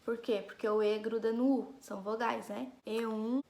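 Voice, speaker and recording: A school teacher gives a recorded class lesson, chatting and explaining as she stresses each syllable and speaks directly to her students. Her voice is on the high side, steady, at a normal pace, with vocal fry and a darkish tone, in an echoey room.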